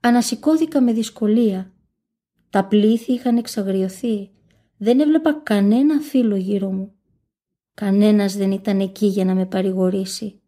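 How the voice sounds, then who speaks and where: A woman reads a devotional text aloud in a steady, measured way. Her voice is warm and mellow and sits at a middle pitch. The delivery stays solemn and even throughout. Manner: steady, measured first-person recitation. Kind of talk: solemn religious text reading.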